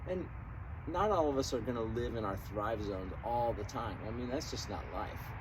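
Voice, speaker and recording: A man's voice: mid-range voice, moderate pace. An American man giving a casual motivational talk in a conversational, folksy manner, like a coach. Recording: distant mic, noisy outdoor traffic ambience.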